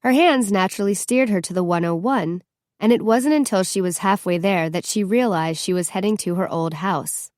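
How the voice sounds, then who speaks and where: A woman reading an audiobook chapter in steady, measured narration close to the mic. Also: medium pitch, no room sound. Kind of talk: scripted narration.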